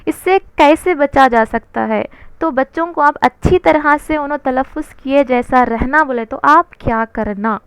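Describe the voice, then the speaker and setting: A woman's voice: sits high, no room sound. A woman teaching an exam-prep lesson, asking questions and answering them herself, with English terms mixed in.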